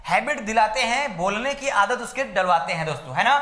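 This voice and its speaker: A man's voice: high voice, lively intonation, brisk, fairly bright tone. A male teacher giving an exam-prep lecture, who keeps asking questions and answering them himself and constantly checks in with "right, friends?". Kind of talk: classroom-style lecture. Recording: roomy echo.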